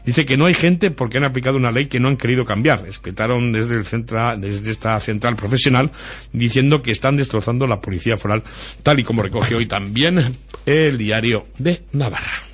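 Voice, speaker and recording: A man's voice: mid-range voice, fairly quick, husky. A man presenting news and weather on local radio in a conversational way. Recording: dull lo-fi radio audio.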